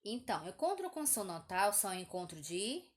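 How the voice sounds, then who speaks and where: A woman's voice: medium pitch, sing-song. A woman teacher with a Brazilian accent, patiently going over a test in a video lesson for young pupils, checking in with "tá?" often. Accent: Brazilian Portuguese. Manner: slow, patient, uses diminutives and "tá?" checks. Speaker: primary school teacher.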